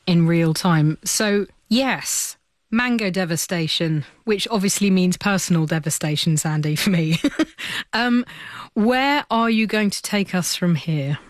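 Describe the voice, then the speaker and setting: A woman's voice: fairly low pitch, no room sound, studio quality. A woman hosting a radio science programme, moving between scripted presenting and panel chat. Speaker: science radio show host.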